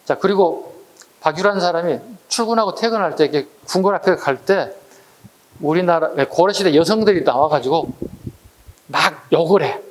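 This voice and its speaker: A middle-aged man teaching a history exam-prep class online, lively and blunt, firing rhetorical questions at his students. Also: a little high, moderate pace. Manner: acts out quarrels in slangy voices. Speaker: history lecturer.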